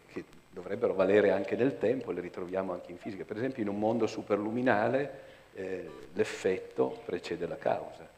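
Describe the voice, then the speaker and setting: Man, calm moderator, echoey hall with hiss. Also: fairly low pitch. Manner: measured, inquisitive. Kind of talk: moderating an onstage talk.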